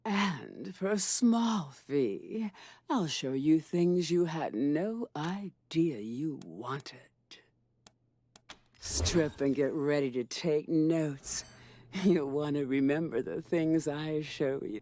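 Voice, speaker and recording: Sultry teacher seductress, video game character, very low pitch, slow teasing delivery, bossy. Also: female voice, expressive, a little mellow, heavily acted. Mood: seductive. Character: sultry, commanding female seductress playing teacher.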